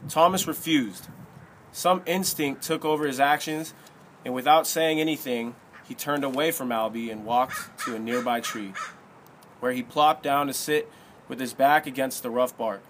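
A man reading an audiobook as narrator in a steady, even storytelling manner. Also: mid-range voice, moderate pace, slight background noise.

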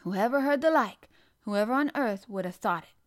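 A woman's voice: a little high, lively intonation, moderate pace, natural voice. A woman voicing a stern older housekeeper with a Yorkshire accent. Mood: astonished.

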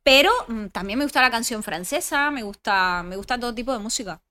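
A woman with a Spanish accent chats freely as a podcast guest. Her voice is bright and sits a little high, and she keeps talking through interruptions. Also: brisk. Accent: Spanish regional accent. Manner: lively, chatty, talks through interruptions. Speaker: podcast guest, former reality show contestant. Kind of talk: casual interview chat.

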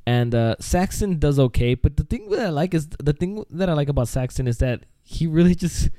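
A man with a very dark, mellow voice chats casually as co-host of a wrestling podcast. He rambles loosely and keeps saying "dude". The sound is dry and close, with no room around it. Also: fairly high pitch, expressive, fairly quick, dry recording.

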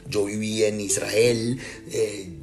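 A man from Colombia with a Colombian accent, a writer and lecturer musing in a casual, thoughtful way with many pauses and restarts. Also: lowish voice, level tone, darkish tone. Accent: Colombian Spanish. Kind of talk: casual reflective talk. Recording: music clearly behind.

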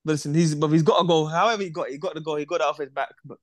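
A young man, co-hosting a casual football chat, animated and repetitive, dropping "bruv" and "bro" constantly. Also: fairly high pitch, rapid-fire, dry recording. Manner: animated, repeats himself, peppers talk with "bruv" and "bro". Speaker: podcast co-host.

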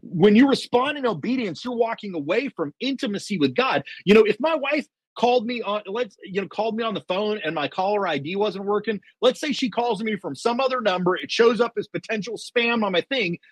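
Husky, lively high-voiced man telling a story. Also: fairly quick, hardly any pauses, dry recording. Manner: earnest storytelling, quotes himself and God; many fillers and restarts, excited. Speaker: podcast guest. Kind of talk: testimony in a faith interview.

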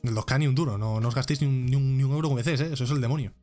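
A man's voice: medium pitch, fairly even intonation, racing, warm tone, faint music behind. A man with a Spain Spanish accent hosting a live gaming show, ranting bluntly and swearing freely on a close microphone. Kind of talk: ranting live-stream commentary. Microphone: close desk microphone.

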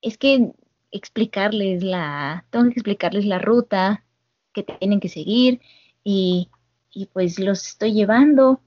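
A woman's voice: mid-range voice, slow, dry recording. A woman voicing a timid, nervous young girl who stammers and apologizes, heard over slightly dull call audio.

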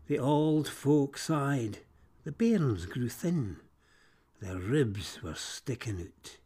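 With a slightly high voice, a Scottish narrator performs fables in Scots verse, dramatically and expressively alternating between soft, hushed drops and strong, emphatic swells.

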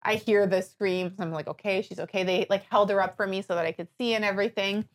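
A woman with a stuffed-up nose tells a long personal story in casual conversation. She talks in an animated, rambling way, with lots of fillers and restarts. Her voice sits at a medium pitch. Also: quick pace. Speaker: podcast guest telling her birth story. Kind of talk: casual chat.

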